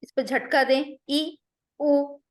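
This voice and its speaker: A woman leads an online class on Quran recitation. Her voice is high and she talks at an unhurried pace. She patiently drills each sound with repeated vowel examples. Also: steady tone.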